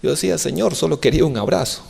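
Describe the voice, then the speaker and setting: A young man preaching an emotional testimony sermon, impassioned and pleading, his voice rising to high cries. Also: animated, rapid-fire, vocal fry, a little mellow, a little hiss or hum. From outside Colombia.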